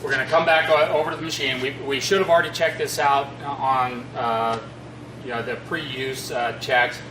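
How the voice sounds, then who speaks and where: A middle-aged man giving an informal instructional demonstration in a halting, matter-of-fact way. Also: mid-range voice, steady tone. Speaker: fire district equipment trainer. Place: concrete-floored equipment room, indoors. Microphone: distant camera across the room. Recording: echoey, noisy, distant camera sound.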